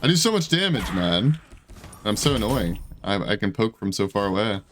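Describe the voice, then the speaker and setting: Soft music plays behind a man with a lowish voice, lively intonation and moderate pace who gives casual gaming commentary for YouTube. He rambles in slang, says "dude" and "bro," jokes at his own expense, and sounds congested, his voice slightly failing.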